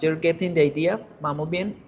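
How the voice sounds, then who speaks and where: A man's voice: fairly high pitch, dull audio, a little hiss or hum. A man teaching a basic English class online in Spanish, explaining patiently and mixing in English phrases. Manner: slow, explanatory, switches between Spanish and English.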